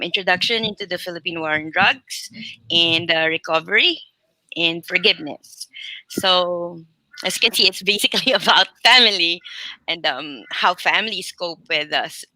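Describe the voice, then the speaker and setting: A woman author on a panel, talking with many pauses, fillers and restarts over a video call. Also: lowish voice, pushed and bright, no room sound, rough recording. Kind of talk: panel discussion.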